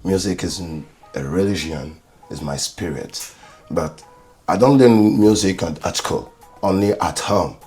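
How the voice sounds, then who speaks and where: Man, bar owner and musician, rather low voice, playful and excitable, broken English. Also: measured pace, husky, soft background music. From France. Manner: playful, excitable, mixes in French. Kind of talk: casual chat in broken English.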